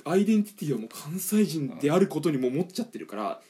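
Co-hosting a laid-back chat show, this man from eastern Japan's Kanto region speaks quickly at a fairly high pitch. He rants energetically through a story, acting out customers and other people.

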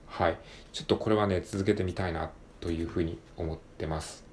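A man hosting a casual solo podcast, talking in quick, chatty bursts full of fillers. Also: sits low, fairly even intonation, a little hiss or hum. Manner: chatty, filler-heavy, rapid asides. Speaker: podcast host.

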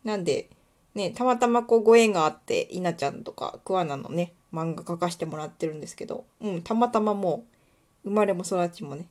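Chatty woman from kuwana, lively pitch. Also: a little fast. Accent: Kuwana dialect. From Kuwana, Mie, Japan. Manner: chatty, rambling, many fillers, light self-deprecating laughs. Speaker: podcast host. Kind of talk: casual solo radio talk.

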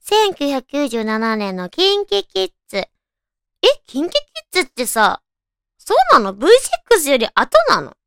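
A woman with a high, cute anime-girl voice, hosting a casual solo radio chat and musing aloud to listeners. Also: sing-song, normal speed, fairly bright tone, dry recording, studio quality. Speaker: radio show host.

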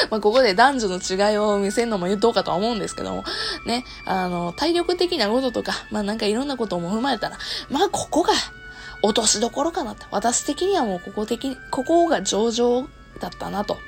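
A woman with a Kansai accent and a hoarse, worn-out voice, chatting casually to listeners as a show host and often laughing. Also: medium pitch, expressive, fairly quick, faint music behind. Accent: Kansai Japanese. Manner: laughs often while talking. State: hoarse, worn voice after long streaming. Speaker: host of an audio talk show and live streamer. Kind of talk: casual solo talk to listeners.

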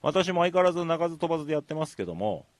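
A man's voice: on the high side, no room sound. A middle-aged man, a band's guitarist and singer, co-hosting a casual, jokey chat show. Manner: jokey, rapid, lively banter. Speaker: band guitarist and vocalist, podcast co-host.

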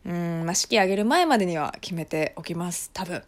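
Young woman, solo podcast host, casual chat, lively swooping pitch, laughs often. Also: fairly quick. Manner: chatty, laughs often, many soft fillers.

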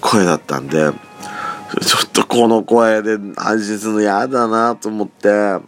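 A man hosting a casual solo talk show from a room at home, chatting in a rambling way with soft feminine speech endings, his raspy voice still sleepy from just waking up. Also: fairly low pitch, normal speed. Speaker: solo podcast host. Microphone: phone app mic set back from the mouth. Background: faint background music.

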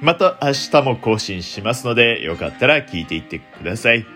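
A young man hosting a solo late-night radio talk in a deliberately low, deep announcer-like voice, polite and formal with theatrical flourishes. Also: very animated, sharp tone, faint music behind. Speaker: host of a solo internet radio show.

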